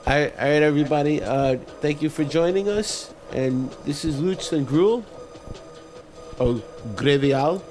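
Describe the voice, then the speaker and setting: A man's voice: fairly high pitch, unhurried, over music, low-quality recording. Stammering, effusive male radio host. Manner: rambling, stammering, effusive praise. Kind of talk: casual interview sign-off.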